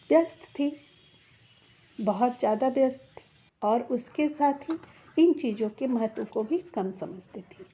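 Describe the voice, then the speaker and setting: Woman, middle-aged, high-ish mellow voice, talks slow and earnest to her viewers like friends. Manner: measured, persuasive, addresses viewers as friends. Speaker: channel host.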